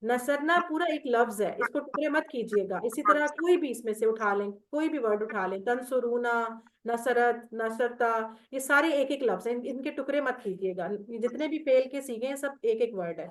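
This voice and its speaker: Woman teacher, online class, patient step-by-step explanations, slightly high voice. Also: normal speed, few pauses. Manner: patient, explains step by step, recites verb tables. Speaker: Quran Arabic grammar teacher. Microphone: video call.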